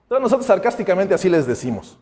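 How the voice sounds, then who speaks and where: Speaking fast and very animated, a pastor preaches conversationally, taking on the voices of the people he quotes. His mellow voice sits high and ranges widely in pitch, and a church sanctuary's long reverb hangs on every word.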